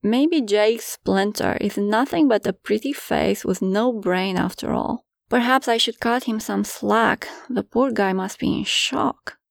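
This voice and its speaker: A woman tells a first-person erotic story in a playful, teasing way. Her voice has a gravelly, creaky texture. The recording is dry and close, with no room echo. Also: mid-range voice, measured pace, hardly any pauses.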